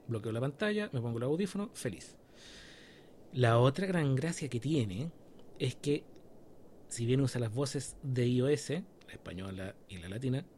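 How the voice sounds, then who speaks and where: A man's voice: mid-range voice, a little mellow, a little hiss or hum. A Chilean man co-hosting a podcast in casual chat, explaining things step by step and checking in with his listeners. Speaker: podcast co-host.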